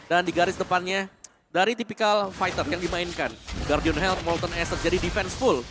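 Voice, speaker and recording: A man's voice: high-pitched, steady tone, moderate pace, music in the background. A man giving analytical commentary as an esports caster.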